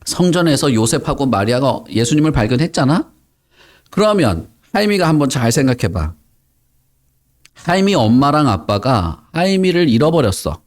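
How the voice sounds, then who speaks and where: A man who is a pastor gives a children's sermon and tells the story in a lively way, putting questions to the children. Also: medium pitch, normal speed.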